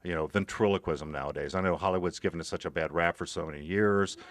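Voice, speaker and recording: A male interviewer with a somewhat low voice works through his questions in a halting, rambling way, restarting often. The sound is dry and close. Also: dry recording. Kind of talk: casual interview.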